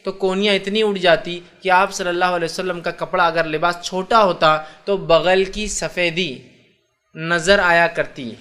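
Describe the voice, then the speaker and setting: A man's voice: sits high, steady tone, moderate pace, pushed and bright. A man giving a religious lesson on how to sit and prostrate in prayer, explaining step by step, repeating key points and checking that listeners understand. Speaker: Islamic preacher.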